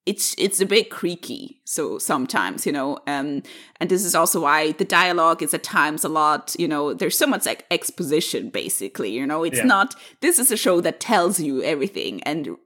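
A woman's voice: sits low, big pitch swings, moderate pace, a bit bright. A woman co-hosting a podcast, chatting casually and trailing off into filler words. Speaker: podcast co-host. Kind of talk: casual chat about a TV show.

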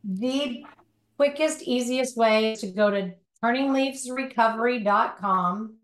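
A woman's voice: fairly high pitch, unhurried. Woman with a roomy echo, saying "right?" often. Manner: talks in long run-on thoughts with many rhetorical "right?" tags. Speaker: guest, recovery life coach. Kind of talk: conversational interview. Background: dog barking at times.

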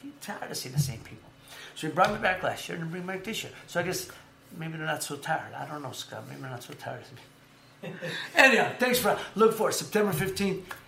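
A man hosting a casual sports chat, telling stories in a rambling, animated way with lots of fillers. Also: a little high, fairly quick, gravelly, reverberant, slight background noise. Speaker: podcast host.

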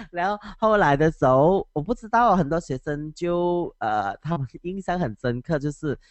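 Animated teacher telling stories. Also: male voice, a little high, a little slow, no echo. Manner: animated, laughs often. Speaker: schoolteacher. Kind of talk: casual storytelling on a call.

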